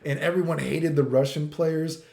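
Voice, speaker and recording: A middle-aged Canadian man, a gaming commentator, rants in a mellow, slightly high voice with vocal fry, fairly even intonation and normal speed. He's off-the-cuff, opinionated and exasperated, leaning on repetition, rhetorical questions and swearing, and the audio is echoey and roomy.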